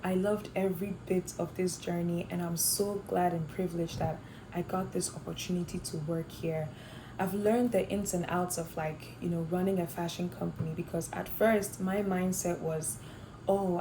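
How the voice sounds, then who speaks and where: Background noise accompanies an interview with a Ghanaian fashion design student, a young adult woman. She replies thoughtfully but with occasional fillers and restarts. Her pitch is fairly low, her tone steady and her pace moderate.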